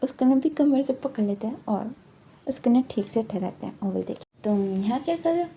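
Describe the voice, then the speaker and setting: A woman's voice: fairly high pitch, expressive, a little fast, gravelly, lo-fi sound, a little hiss or hum. A woman casually retelling a fan story, rambling and repeating her filler words.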